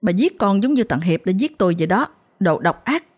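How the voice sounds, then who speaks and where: A woman's voice: mid-range voice, very animated, fairly quick, darkish tone. Vengeful young woman's ghost, scolding and accusing, storybook horror, as a woman narrator puts her on. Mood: bitter accusing.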